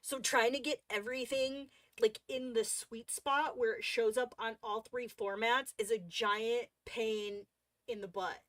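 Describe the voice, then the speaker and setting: A woman's voice: fairly high pitch, fairly even intonation, a little slow, a bit bright, no room sound. A woman hosting a coloring livestream, chatting casually and rambling with lots of fillers and restarts.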